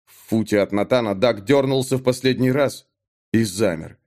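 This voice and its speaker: A man reading an audiobook story aloud with a dramatic, expressive delivery. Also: lowish voice, normal speed. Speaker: narrator. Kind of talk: audiobook narration.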